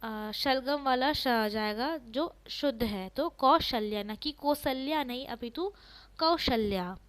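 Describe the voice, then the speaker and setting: A woman teaching an exam-prep spelling lesson, asking each question and repeating the answer slowly. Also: high voice, clear, resonant tone, rough recording.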